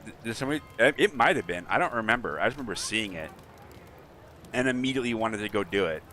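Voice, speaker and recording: A let's player streams a video game and chats casually with his audience over the gameplay, rambling playfully and chuckling often. His fairly low voice is expressive, fast, pushed and bright, with slight background noise.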